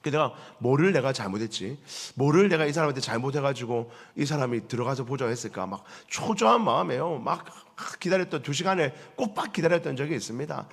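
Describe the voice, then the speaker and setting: A man's voice: medium pitch, expressive, fast talker, gravelly, few pauses, husky. A man, telling stories and acting out the voices of the people in them. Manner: storytelling, acting out voices of biblical figures and questioning the congregation. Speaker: pastor. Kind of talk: sermon. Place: church sanctuary. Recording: echoey church hall.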